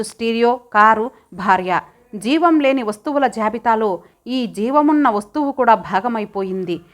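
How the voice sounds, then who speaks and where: A woman narrator giving a steady, expressive reading of a magazine short story for an audiobook. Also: on the high side.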